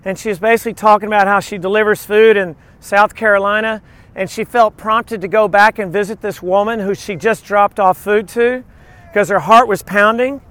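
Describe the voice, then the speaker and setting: Here a man with a high-pitched voice preaches at normal speed, recorded dry. His sermon is casual and conversational, full of personal anecdotes and little quotes he acts out with animation as he teaches.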